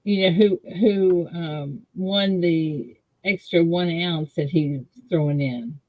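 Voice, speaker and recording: A woman chats slowly and ramblingly on a video call. Her voice comes through muffled and dull, as if heard through a wall. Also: fairly low pitch. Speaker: livestream co-host. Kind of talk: casual chat on a video call. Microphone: computer mic on a video call.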